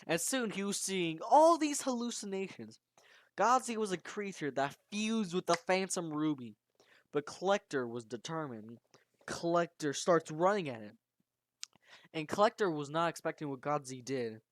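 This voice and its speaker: A storyteller casually retelling a fan-made horror tale, dramatic and animated, often restarting mid-sentence. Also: mid-range voice, normal speed, no echo.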